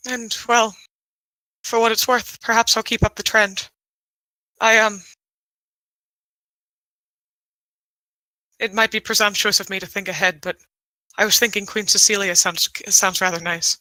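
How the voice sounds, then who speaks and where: A woman's voice: medium pitch, little pitch movement, pushed and bright, dry recording, lightly acted, poor audio. A woman playing a shy winged dragon-kin. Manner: hesitant, halting, full of restarts and ums. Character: shy female Manakete with wings. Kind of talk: in-character role-play.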